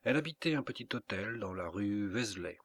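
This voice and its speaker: Un homme qui lit à voix haute un récit littéraire pour un livre audio, d'un ton mesuré. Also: male voice, on the low side, expressive, a bit bright. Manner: measured, unhurried. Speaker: audiobook reader. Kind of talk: scripted narration.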